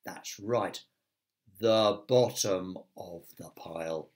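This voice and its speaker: A man's voice: deep voice, drawn-out words, a little mellow. A man who teaches primary school, reading a children's story aloud with chatty asides to the young listeners.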